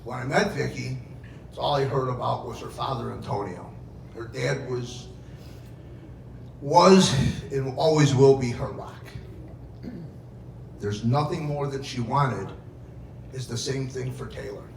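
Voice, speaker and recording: With vocal fry and long pauses, a middle-aged man with a mid-range voice speaks at a measured pace as father of the bride. His heartfelt wedding reception speech is built on family anecdotes and dramatized quotes. Recorded from afar, the event room comes through noisy and echoey.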